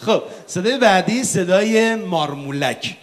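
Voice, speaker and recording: A man's voice: high-pitched, expressive, slight background noise. A man hosting a comedy sketch on stage, playing the exasperated straight man. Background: live audience.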